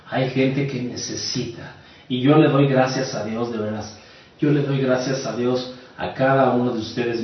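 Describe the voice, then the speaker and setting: A pastor preaching a sermon, telling a story earnestly and asking rhetorical questions. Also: male voice, mid-range voice. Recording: echoey hall, distant mic, dull sound.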